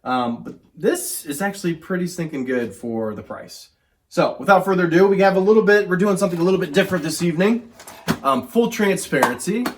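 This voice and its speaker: A young man with a hoarse voice, sick with a cold, hosting a casual whiskey review in a relaxed, chatty way. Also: sits high, brisk. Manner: chatty, laid-back, says "stinking" and "um" a lot. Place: home man cave, indoors.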